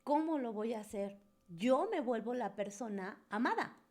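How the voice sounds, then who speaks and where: A woman's voice: fairly high pitch, animated, normal speed, darkish tone. A woman, a spiritual coach answering questions from a group in an earnest, coaxing, conversational way. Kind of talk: live Q&A talk to a group.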